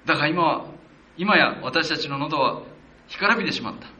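A male pastor preaching a casual, conversational sermon, stopping to correct himself and acting out what the people said with lively jumps in pitch. His voice is bright and forceful. It is recorded in a roomy, echoing space with a dull, lo-fi sound. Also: moderate pace. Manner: animated, acts out quotes of the people with shifts of pitch; conversational, with self-corrections and fillers. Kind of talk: sermon, verse-by-verse Bible exposition.

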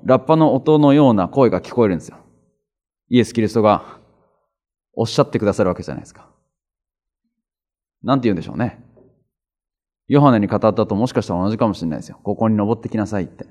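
A man's voice: medium pitch, a little mellow. A man giving a conversational Bible teaching as a pastor, explaining with everyday examples and reading scripture passages aloud. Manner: reads scripture aloud slowly, repeating references.

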